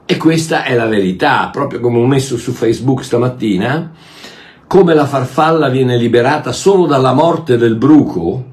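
Emphatic man preaching a sermon. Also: mid-range voice. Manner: emphatic, with rhetorical questions; swings between loud bursts and quiet asides.

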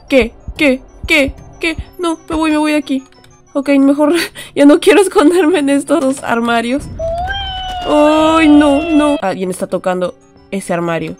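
Jumpy high-voiced young woman gamer. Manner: jittery, frightened, chatty to viewers, bursts into shrieks. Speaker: gaming streamer. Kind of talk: horror game playthrough.

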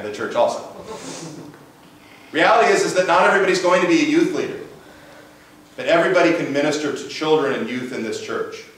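In an echoing church sanctuary, a middle-aged pastor with a big, slightly high and fairly bright voice preaches conversationally and asks rhetorical questions. A faraway camera and room mic record him, with a little background noise.

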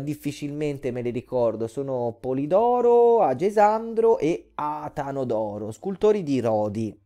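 A woman gives a recorded art history lecture in a low, warm voice. Her pitch moves a lot as she tells the story. She speaks straight to her students.

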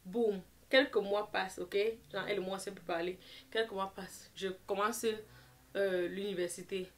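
A young woman recounts a story in a loose, chatty storytime manner. She slips English phrases into her talk and keeps reaching for fillers. Her voice sits at an ordinary middle pitch. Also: steady tone, normal speed. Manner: leans on fillers like "genre" and "et tout et tout". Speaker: vlogger telling a story. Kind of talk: casual storytime.

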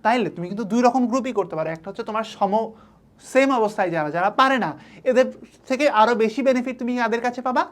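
A woman's voice: on the high side, rapid-fire. A young woman tutor giving study advice, coaxing and asking and answering her own questions. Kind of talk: online study-advice lesson.

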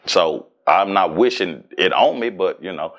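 A man in his forties from Houston with a Southern accent, talking casually and profanely as an interview guest, animated and streetwise. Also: low voice, unhurried. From Houston, Texas. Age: 40s. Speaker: rapper and guest.

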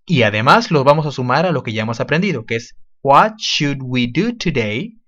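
A man teaching an English class to children online, switching to slow, drawn-out model phrases for the children to repeat. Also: medium pitch, animated, a bit bright, lo-fi sound.

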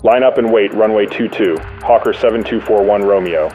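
A man playing a pilot, reading back air traffic clearances in clipped radio phraseology over a headset radio transmission. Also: on the low side, a little fast, dull audio, soft background music. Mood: matter-of-fact. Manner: terse, flat readbacks. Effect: pilot's voice over an aviation radio headset.

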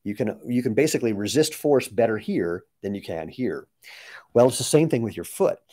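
A man's voice: medium pitch, expressive, brisk, dark tone, dry recording. A man in his sixties chatting casually on a live question-and-answer stream, explaining with asides. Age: 60s. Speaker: company founder answering viewer questions.

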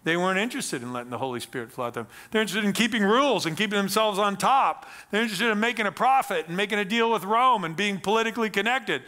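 A middle-aged male pastor preaching a sermon from a church stage, his voice bright and slightly high. He delivers it with animated emphasis and steps between reading scripture and explaining it. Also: quick pace, hardly any pauses. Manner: animated, gesturing, reads scripture aloud then explains.

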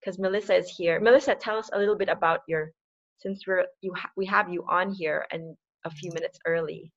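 Hosting a laid-back online session from a dim room at home, a Filipino woman in her 40s laughs often as she talks a little fast. Her voice is on the low side and steady, and her laptop webcam mic leaves the call audio slightly muffled.

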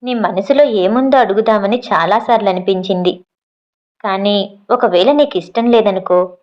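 A woman's voice: medium pitch, natural voice. A woman reading a loving young husband's lines in an affectionate, earnest way, in a dull lo-fi recording.

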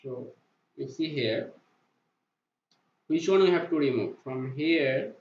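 A male welding inspection instructor gives a whiteboard math tutorial, unhurried and repetitive, asking and answering his own questions. His voice is higher-pitched and animated with a darkish tone. He's voicing over screen drawing, and the sound is roomy, dull, and lo-fi.

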